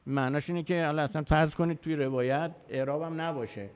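A man's voice: fairly high pitch, fairly even intonation, dull audio. A man giving a religious lecture, emphatic and argumentative, counting off his points and asking rhetorical questions.

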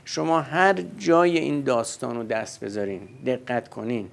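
Gravelly-voiced man giving a religious lecture. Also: mid-range voice, lively intonation. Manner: conversational, asks and answers his own rhetorical questions.

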